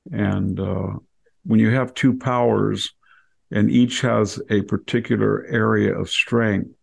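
A man speaking as a scholarly guest, explaining conversationally in an erudite, emphatic, digressive way with a gravelly, husky voice. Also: fairly low pitch, darkish tone. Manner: erudite, emphatic, digressive, acts out imagined dialogue. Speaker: historian guest.

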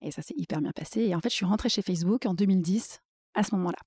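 A woman's voice: on the low side, rapid-fire, mellow, breathy edge, dry recording. A woman guest in a casual interview, telling her career story with many fillers and acting out her own inner thoughts.

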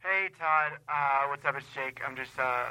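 Guy leaving an excited voicemail over a landline phone, really bright sound, kinda halting. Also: mid-range voice, poor audio. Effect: voicemail message played back over a landline phone. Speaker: friend leaving a phone message. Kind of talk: casual phone message.

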